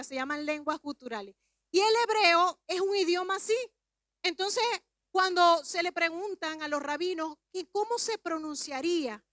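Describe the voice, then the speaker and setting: A woman preacher giving a Pentecostal sermon, teaching calmly, then rising to shouted fervor. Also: very high-pitched, no echo, clean studio sound.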